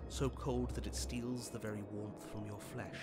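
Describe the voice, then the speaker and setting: An actor playing a wry, all-knowing male narrator in a video game, measured and sardonic. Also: fairly low pitch, little pitch movement, close to an everyday voice. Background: game music.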